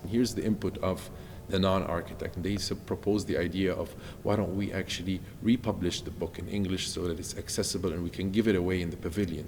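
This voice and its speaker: A man from Egypt speaks with a very low voice, walking through his design project in a calm, explanatory way. The room adds a long reverb tail. Music plays clearly underneath him. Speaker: architect. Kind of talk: documentary interview.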